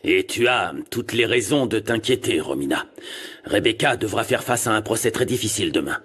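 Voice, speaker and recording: An actor playing a calm, businesslike boss, in a dubbed telenovela. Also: male voice, fairly low pitch, husky. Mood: grave. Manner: measured, businesslike.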